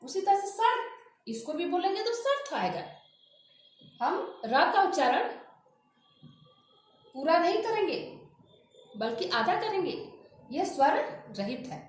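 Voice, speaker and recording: A woman teaching a grammar lesson, slowly drilling pronunciation by repeating example words. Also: very high voice, big pitch swings. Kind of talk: classroom lesson with spoken examples. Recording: very echoey room.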